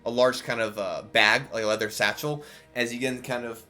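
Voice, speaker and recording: Bright-voiced Southern game master. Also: male voice, medium pitch, steady tone, faint music behind. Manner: halting, many fillers and restarts. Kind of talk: narrating a tabletop game.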